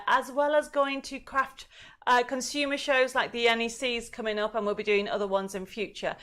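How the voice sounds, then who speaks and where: A woman's voice: a little high, a bit bright. A woman hosting a craft live stream, chatting informally and casually with viewers. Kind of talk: casual chat, greeting viewers.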